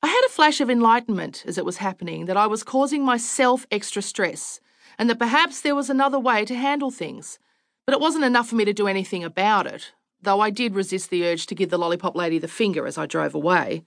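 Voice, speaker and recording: A woman's voice: mid-range voice, a bit bright, no room sound, clean studio sound. Wry Australian woman reading her memoir. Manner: wry, self-mocking storytelling. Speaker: author narrating her own audiobook. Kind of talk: audiobook memoir narration. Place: recording studio.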